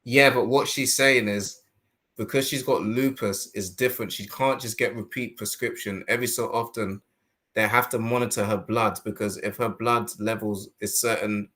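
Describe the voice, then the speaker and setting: A man hosting a casual podcast discussion, talking in animated rhetorical bursts. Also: lowish voice, moderate pace. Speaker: host.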